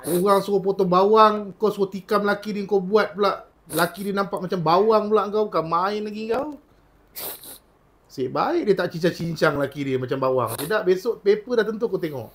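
A man's voice: high-pitched, moderate pace, fairly bright tone. A man working as a spiritual healer, mockingly scolding and teasing a possessing spirit during a healing session.

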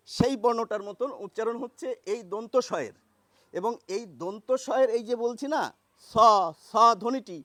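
A man teaching a lesson on pronunciation, speaking slowly and deliberately and repeating sounds to demonstrate them. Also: high-pitched, no room sound. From Bengal. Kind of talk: explanatory lesson.

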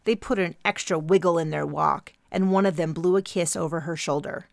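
A woman reading a first-person novel in measured, even audiobook narration. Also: lowish voice, creaky, no room sound, clean studio sound.

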